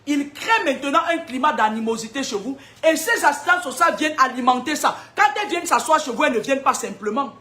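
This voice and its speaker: Woman seer, high voice, combative preaching, rhetorical questions, laughs between points. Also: expressive, fast, few pauses, sharp tone. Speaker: spiritual seer giving prophecies. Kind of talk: preaching spiritual warnings to an audience.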